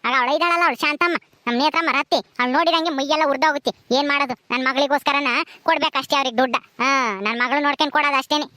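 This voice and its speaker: A woman's voice: high voice, fairly even intonation, racing, hardly any pauses, no echo. A woman playing a bitter, bossy village mother-in-law. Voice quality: sharp, scolding, bossy. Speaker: village drama actress. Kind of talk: village family drama acting.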